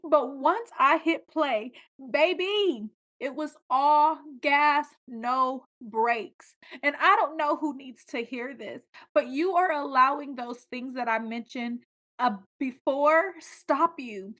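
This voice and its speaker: High-voiced woman hosting a podcast. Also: slow, fairly bright tone. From California, USA. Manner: fervent, faith-filled, talks to listeners as y'all. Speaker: podcast host. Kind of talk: emotional celebratory monologue.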